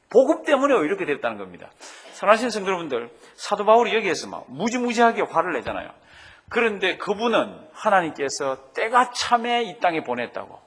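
A man's voice: high voice, fairly bright tone, husky. A middle-aged man preaching a sermon as pastor, emphatic, quoting scripture and stressing key phrases.

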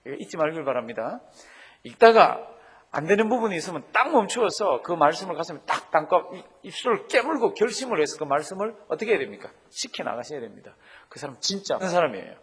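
A middle-aged man preaching a sermon on Bible reading, lively, asking the congregation questions and having them repeat after him. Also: a little high, slightly rough. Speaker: pastor.

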